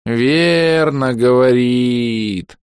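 A man's voice: mid-range voice, smooth, no echo, clean studio sound, pitched above the performer's own voice. A man doing a bleating old ghost grandpa. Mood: blissful. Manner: slow blissful bleating drawl.

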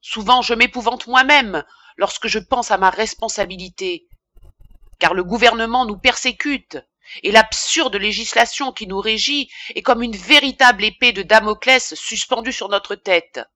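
A woman's voice: fairly high pitch, normal speed, pushed and bright, dry recording. A woman voicing a pompous, irascible middle-aged male apothecary in an indignant tirade, read for an audiobook. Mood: ranting.

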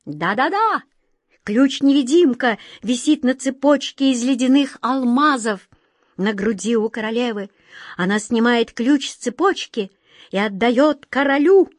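High, quick whirlwind sprite for a fairy tale, woman reader voicing him, dry close sound. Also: dry recording. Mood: cheerful. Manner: excited, whistling, darting delivery. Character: lively boyish whirlwind spirit, quick and touchy.

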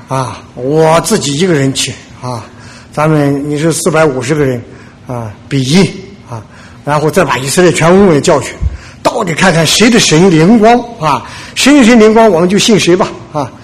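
A man's voice: a little high, normal speed, natural voice. A male preacher voicing a bold male prophet who challenges his rivals, speaking plainly with filler "ah". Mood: challenging.

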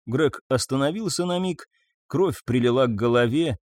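A man narrating a novel in a measured, expressive reading, with lively swings in pitch. The voice is close and dry, with no room sound. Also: dry recording. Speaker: audiobook narrator.

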